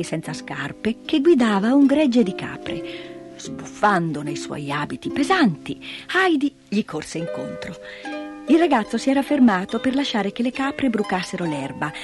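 A woman narrating a children's storybook with lively, expressive delivery. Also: fairly high pitch, normal speed. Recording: dry close mic, soft music behind.

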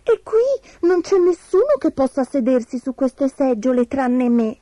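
Storybook Goldilocks: small girl, sleepy then tearful, mellow high tone, put on by a woman. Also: big pitch swings, a little slow, no room sound. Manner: high, plaintive, sobbing toward the end. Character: little girl Goldilocks, tired, then frightened.

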